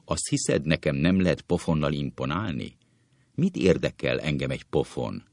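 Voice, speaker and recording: A man's voice: rumbling low, animated, gravelly, a little mellow, no echo, clean studio sound, heavily acted. A man doing a blustering, cowardly writer. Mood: indignant. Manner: indignant ranting that collapses into nervous tittering. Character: vain, cowardly male writer boasting of spiritual superiority. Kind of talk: comic play reading.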